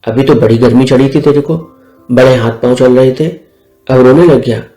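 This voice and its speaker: A man's voice: medium pitch, steady tone, normal speed, dark tone, lightly acted. A man voicing a bossy, fiery young woman who scolds and threatens her younger brother, in an echoey room with faint music. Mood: scolding.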